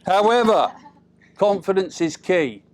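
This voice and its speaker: A British man in middle age speaks in a notably high register. He is giving an informal father-of-the-bride speech, chatting and teasing, leaving pauses and tacking questions onto his remarks. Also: sing-song, a crowd in the background. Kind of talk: informal humorous wedding speech.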